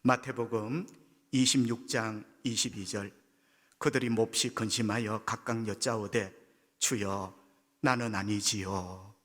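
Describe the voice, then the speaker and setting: A male pastor with a Gyeongsang accent preaching a sermon, leaping in pitch as he acts out quoted voices. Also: steady tone, a little slow, fairly bright tone. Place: church sanctuary. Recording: long church hall reverb.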